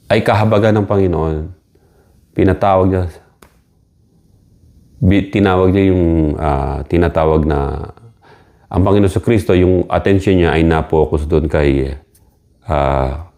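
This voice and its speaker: Filipino pastor guy giving a sermon, kinda low voice, emphatic, keeps repeating words. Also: a little mellow. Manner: emphatic, repeats key words, rises to dramatic quotes. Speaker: preacher. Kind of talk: sermon mixing Filipino and English.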